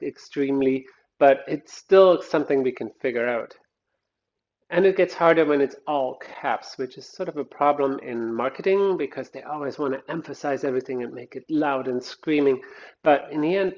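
A man's voice: mid-range voice, darkish tone. A man gives a design lecture, walking through slides in a plain mid-range voice. He explains as he goes, often stopping to restart a sentence. The recording sounds dull and lo-fi. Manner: explanatory, thinks aloud with frequent restarts. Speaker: design instructor.

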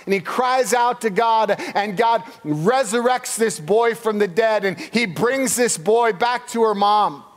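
A man preaching a sermon as a pastor, telling the story in an animated way and acting out the people in it. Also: high-pitched, measured pace, hardly any pauses. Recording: long hall reverb.

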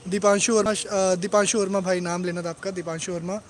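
Sitting high in pitch and level in tone, this man talks a little fast as he hosts a casual dog-focused live stream at home with his dogs around him. He rattles off greetings to commenters and frequently ends with "right?".

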